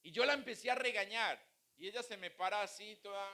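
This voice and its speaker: A man's voice: high-pitched, a little fast, bright, forceful tone. A male pastor preaching a sermon, mixing humorous family stories with teaching. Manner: humorous, anecdotal preaching with acted quotes.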